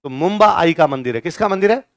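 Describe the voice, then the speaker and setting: A man's voice: a little high, animated, fast, dry recording, studio quality. A male teacher giving a classroom lecture, firing questions at his students and answering them himself.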